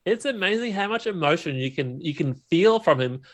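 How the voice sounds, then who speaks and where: Upbeat, higher-voiced male podcast co-host. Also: expressive, fairly quick. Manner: enthusiastic, steers the conversation, laughs while talking. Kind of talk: casual chat about a film.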